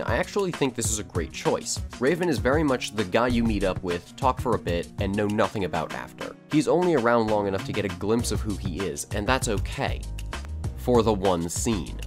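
A man giving a scripted video review with a wry, sarcastic manner. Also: on the low side. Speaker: video essayist. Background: guitar music.

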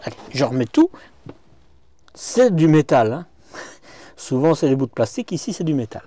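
A middle-aged man with a fairly high, sing-song voice and a dark tone gives a chatty tour of a camper van's interior at normal speed. Reviewing the motorhome on a small clip-on mic with no room sound, he speaks right to the viewer, often saying "hop-hop" and "hein."

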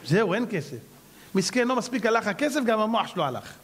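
A man, a rabbi, preaching a sermon as a lively storyteller who acts out the characters. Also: sits high, background noise.

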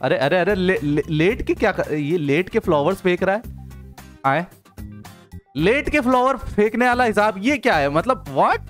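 Young man, high pitch, playful game commentary, repeated coaxing calls, faint music behind. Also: lively intonation, normal speed, a bit bright. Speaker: gaming video host. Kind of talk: excited gameplay commentary.

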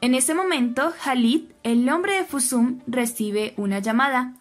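A woman with a fairly high voice narrates a scripted soap opera recap over faint background music. She keeps an even storytelling pace and gives quoted dialogue only a slight lift. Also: unhurried.

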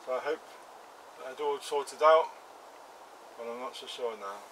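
A fifties-aged man walks casually through his allotment and polytunnel for his gardening channel, chatting plainly as he crouches by the beds. He talks at normal speed with a medium pitch. There's background noise, including faint outdoor ambience with insects.

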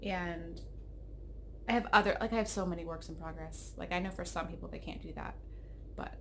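Brisk and fairly bright, though on the low side, a woman in her thirties chats casually on her knitting podcast from her home craft room. She rambles and interrupts herself, with a slightly froggy throat, recorded via desk webcam with slight background noise.

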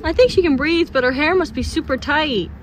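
A young woman, a parent and channel host, unboxes toys with a toddler on a gravel patio by a fence, with traffic noise in the background. Her voice sits high and brisk, and she talks casually in an animated, encouraging way, gasping often.

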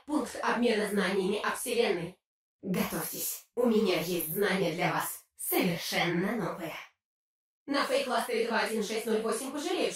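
A woman's voice: a little high, close to an everyday voice. A woman voicing a haughty, curious alien in a video game, with formal, pompous, theatrical phrasing. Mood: grand, resolute. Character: haughty, curious female alien stranded on Earth. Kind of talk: dramatic video game voice acting. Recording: very echoey, distant, over loud music.

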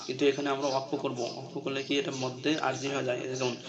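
Man, middling pitch, patient reading teacher, spells out syllables, chants verses high and drawn out. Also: completely flat delivery, racing, crowd noise. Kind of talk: spelling-out recitation lesson.

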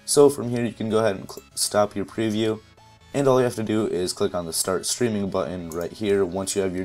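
A hoarse man with a fairly low voice gives a relaxed, step-by-step screen-recording tutorial, his voice fading after losing it. He talks casually into a desktop mic, with faint music playing underneath. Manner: relaxed, step-by-step, leans on "essentially" and "uh". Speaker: tutorial youtuber.

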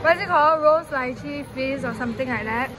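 A young woman vlogging on a phone camera, giggly and excitable, swearing casually. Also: high voice, a little fast. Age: young adult. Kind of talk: casual vlog chat. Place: large indoor bowling alley. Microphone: handheld phone camera. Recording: loud bowling alley with music and crowd. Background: loud music and crowd chatter.

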